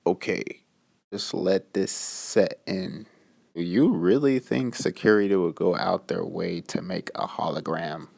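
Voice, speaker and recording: A man's voice: sits low, a little slow, vocal fry, darkish tone, slight background noise. A man with a groggy morning voice, hosting a casual, slangy reaction commentary on videos. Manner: laid-back slangy chat.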